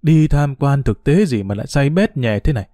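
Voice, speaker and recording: A man voicing a sharp-tongued older wife who scolds and pries at her husband. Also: medium pitch, lively intonation, normal speed, no room sound, studio quality, lightly acted. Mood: scolding. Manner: scolding, prying.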